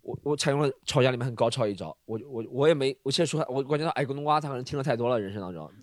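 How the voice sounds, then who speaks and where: A man's voice: mid-range voice, rapid-fire, dry recording. A man hosting a podcast, telling a story in casual chat, acting out the quoted lines and laughing often. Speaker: podcast host.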